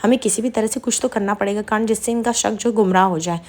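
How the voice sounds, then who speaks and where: A woman recapping a TV serial episode in a rapid, chatty retelling with quoted dialogue. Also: medium pitch, steady tone, darkish tone.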